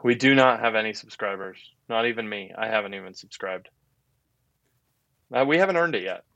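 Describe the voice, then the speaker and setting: A man's voice: on the low side, brisk, bright, forceful tone. A young man co-hosting a podcast in casual chat, teasing and blunt with his friend. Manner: teasing, blunt, laughs easily. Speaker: podcast co-host.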